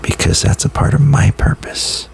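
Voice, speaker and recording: A man giving a whispered ASMR pep talk in a halting, reassuring way. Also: slight background noise. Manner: slow, halting, reassuring delivery. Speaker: ASMR video host.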